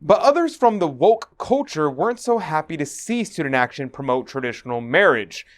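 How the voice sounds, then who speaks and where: A man's voice: fairly high pitch, very animated, moderate pace. A man hosting and narrating in an earnest, preachy scripted manner. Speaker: host.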